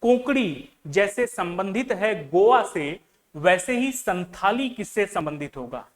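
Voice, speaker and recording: High-voiced male reasoning teacher. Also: animated, slow. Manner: questioning, repeats key words to students; mixes English terms into speech. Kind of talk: exam-prep lesson.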